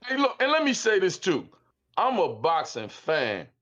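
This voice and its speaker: A South Philadelphia man in his 50s calls in over Discord for a call-in chat, talking bluntly in slang and repeating himself. His high-pitched, fairly bright voice swoops wildly at a moderate pace, and the call audio is muffled.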